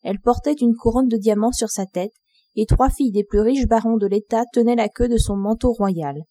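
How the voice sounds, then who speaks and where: A woman narrates a classic fairy tale for an audiobook in an even, measured way. Her voice is fairly high yet mellow and soft-edged, recorded very dry and close with no room sound. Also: no echo. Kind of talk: scripted storybook narration.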